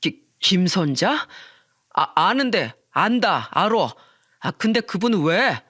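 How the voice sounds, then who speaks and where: A woman's voice: medium pitch, lively intonation, normal speed, fairly bright tone, dry recording, natural voice. Brief: woman playing a tipsy, sneering man in a storybook radio tale, dry close sound. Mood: flustered. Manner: slurred, mocking, laughing drunk. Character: drunk rude man, husband's friend, mocking.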